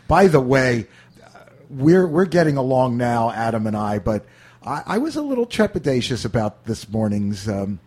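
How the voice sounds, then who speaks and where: A man's voice: medium pitch, very animated, measured pace, long pauses, a little mellow, breathy edge. A middle-aged man hosting a radio show, chatting casually about films with rambling, wisecracking remarks and profane asides. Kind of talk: casual film chat.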